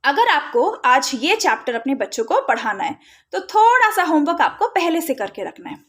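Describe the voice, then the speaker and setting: A woman giving a phonics lesson for parents, modelling letter sounds slowly and mixing in English terms. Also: high-pitched, sing-song, a bit bright. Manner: mixes Hindi with English terms. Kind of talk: instructional tutorial.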